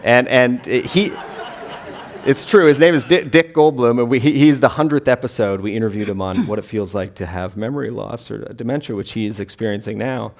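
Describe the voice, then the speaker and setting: A man, creator of a video series, speaking haltingly and laughing often as a guest on a live panel. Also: mid-range voice. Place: live event before an audience.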